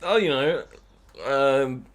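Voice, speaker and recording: A man's voice: mid-range voice, takes it slowly. Young man riffing dryly over gameplay. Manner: dry joking, rambling asides. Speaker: let's play host. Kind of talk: casual gaming commentary.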